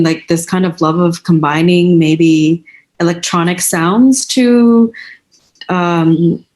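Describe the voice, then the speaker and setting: Soft-spoken hesitant woman, low voice. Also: poor audio. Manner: hesitant, searching for words. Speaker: band member. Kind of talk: casual Q&A answer.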